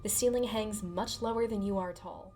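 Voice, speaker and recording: A woman giving measured, atmospheric second-person narration of a story. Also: medium pitch, mellow, a little hiss or hum. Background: music.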